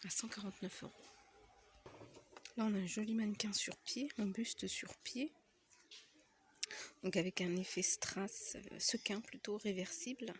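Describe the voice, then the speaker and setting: A woman with a cold films a walkthrough vlog inside a large home decor store. She speaks softly, often sliding into a near whisper, at a middling pitch for a woman. Steady store noise runs under her voice. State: has a cold.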